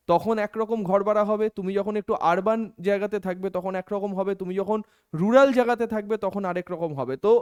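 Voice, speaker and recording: A man's voice: high voice, clear, resonant tone. A man teaching an exam-prep lesson, walking through the figures step by step and putting questions to himself before answering them. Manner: explains step by step, repeats figures, asks and answers his own questions. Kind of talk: classroom-style lecture.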